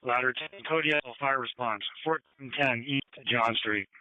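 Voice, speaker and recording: A man working as a fire dispatcher, giving steady, businesslike calls over a police radio. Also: medium pitch, normal speed, no echo. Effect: police radio transmission. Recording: dull, dry radio channel.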